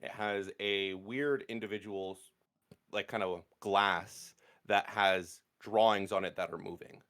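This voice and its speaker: Low-voiced man narrating a fantasy game. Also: steady tone, a little slow, fairly bright tone. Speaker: game master.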